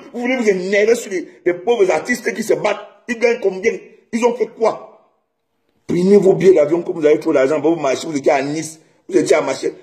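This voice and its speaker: A man's voice: high-pitched, darkish tone. A man from Cameroon ranting angrily at home, scolding and repeating himself. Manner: heated, scolding, repetitive. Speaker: vlogger. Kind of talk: angry direct-to-camera rant.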